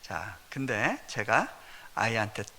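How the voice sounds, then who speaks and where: Slow and creaky, with big swings in pitch from a lowish base, a missionary preacher pushes his bright voice through a storytelling sermon at a revival. He chuckles between points, and the church sanctuary's long reverb and slight background noise come through.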